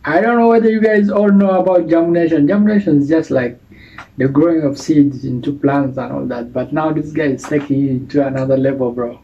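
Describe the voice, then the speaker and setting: A man's voice: fairly high pitch, fairly quick, lo-fi sound. A young man from Uganda hosting a reaction video, chatting casually with slang, laughing, and saying "you know" and "bro" a lot. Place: small indoor studio room.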